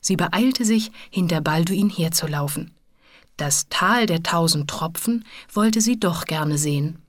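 A woman calmly and gently reading a children's story aloud. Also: lowish voice, a little slow, no room sound, studio quality.

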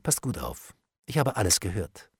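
A calm nobleman lets his dry irony and icy seriousness do the work, as a male reader puts him on. The voice stays low and measured, with a slightly husky texture. The recording is dry and close. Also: no echo. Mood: ironic. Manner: calm, dry, ironic, unhurried. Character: calm, ironic male nobleman, coolly menacing. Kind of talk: audiobook character reading.

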